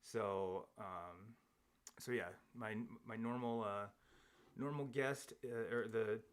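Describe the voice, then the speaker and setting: Slow and on the low side, this voice is clear and resonant. It belongs to a sports podcast host talking live from his home studio opposite a co-host, rambling casually and often restarting or filling pauses.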